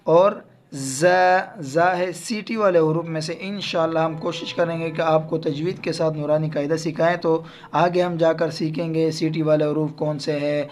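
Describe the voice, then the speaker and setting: A man's voice: a little high, fairly even intonation, darkish tone. A man with a Pakistani Urdu accent teaching Quran letter pronunciation to children, stretching out each letter sound between explanations.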